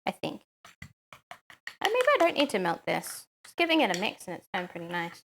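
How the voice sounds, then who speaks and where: A woman's voice: lowish voice, very animated, a little fast, vocal fry, a bit bright, a little hiss or hum. A woman chatting casually on a live stream while she cooks at home, answering chat with lots of "um"s.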